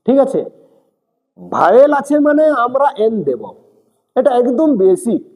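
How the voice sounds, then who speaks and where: A male teacher with a very high-pitched, darkish voice gives a grammar lesson, very animated and a little slow. He speaks directly to his students, mixes in English terms, and repeatedly checks they follow, in an echoey room with long reverb.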